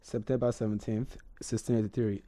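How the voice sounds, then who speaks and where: On a casual radio history program, a male co-host speaks briskly in a warm voice on the low side, keeping a level tone. He tends to hesitate and say words twice as he thinks.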